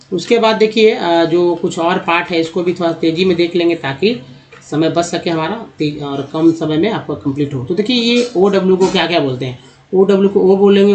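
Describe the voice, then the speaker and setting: Man teaching phonics in a dull recording. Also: on the high side. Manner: steady, repetitive spelling-out of letter groups. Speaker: English reading teacher. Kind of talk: Hindi-language phonics lesson.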